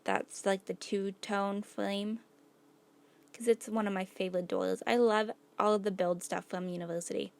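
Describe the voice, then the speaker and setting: A woman's voice: mid-range voice, fairly even intonation, moderate pace. A woman losing her voice, casually narrating a build video as host and thinking aloud as she works, with many "like"s and "gonna go ahead"s. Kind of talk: casual gameplay voice-over.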